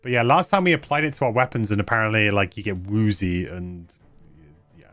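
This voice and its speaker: A man's voice: fairly low pitch, brisk, a bit bright, faint music behind. Wry man chatting while streaming. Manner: wry, chuckling asides. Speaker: streamer playing a game. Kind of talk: casual chat.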